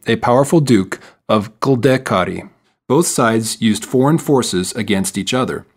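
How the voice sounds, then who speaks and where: A man reading texts and task instructions for a listening exam in a measured, formal way. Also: lowish voice. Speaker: exam narrator. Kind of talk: scripted narration for a listening test.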